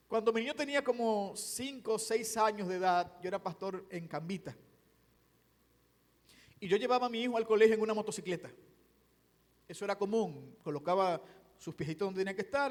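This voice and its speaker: A man in his forties delivers a sermon with a strikingly high voice. He moves between hushed storytelling and fervent preaching. The long reverb of a church hall trails after his words. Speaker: pastor. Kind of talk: evangelistic sermon. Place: church sanctuary.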